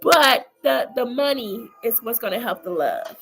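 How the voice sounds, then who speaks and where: A woman's voice: fairly high pitch, animated, measured pace, fairly bright tone, faint music behind, low-quality recording. A woman giving a live-streamed tarot reading, chatty and familiar, calling the viewer girl and honey. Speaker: tarot reader.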